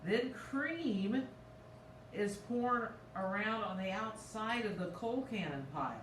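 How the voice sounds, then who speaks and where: Woman pastor, casual cooking-show host, chatty and excitable, mid pitch, light background hiss. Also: slow pace, reverberant, far from the mic, poor audio. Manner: chatty and excitable, reads recipe lore aloud. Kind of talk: casual cooking chat, reading aloud. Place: church kitchen.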